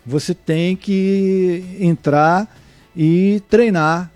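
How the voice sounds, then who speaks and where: A middle-aged man from Brazil, a guest surfer and surf instructor, answering interview questions in a halting way with many restarts. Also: high voice, steady tone, darkish tone, dry recording, faint music behind. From Brazil (born in Salvador, raised in Niterói). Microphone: remote mic, at first too far away.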